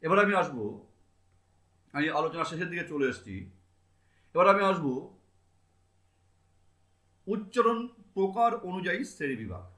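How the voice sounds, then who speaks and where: A man's voice: on the high side, sing-song, moderate pace, pauses often, bright, forceful tone, roomy sound. A male teacher giving a grammar lesson, sounding out consonants one by one, asking his students questions and answering them himself.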